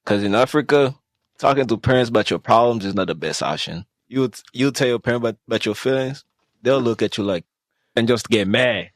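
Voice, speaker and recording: A man's voice: mid-range voice, brisk, dry recording. A teenage boy from Tanzania, interviewed for youth radio, speaking casually in short answers. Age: teens.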